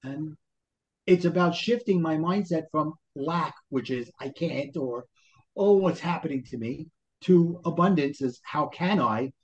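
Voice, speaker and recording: Male life coach, Brooklyn accent, fairly high pitch, motivational and full of rhetorical questions, lo-fi interview sound. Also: measured pace. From Brooklyn, New York. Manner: motivational, talks in rhetorical questions and acted-out self-talk. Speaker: life coach, podcast guest. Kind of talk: conversational interview explanation.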